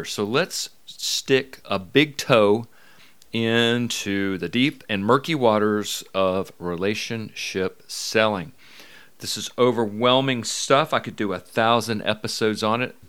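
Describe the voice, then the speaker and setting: A man's voice: lowish voice, fairly bright tone, clear, resonant tone, no room sound. A middle-aged man hosting his podcast, upbeat and folksy with playful emphasis. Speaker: podcast host. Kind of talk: energetic podcast monologue.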